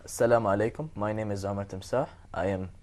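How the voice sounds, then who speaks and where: A man's voice: fairly low pitch, steady tone, quick pace, a little mellow. A sixteen-year-old Canadian boy answering as a talk show guest in short, direct sentences. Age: teen. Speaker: young guest.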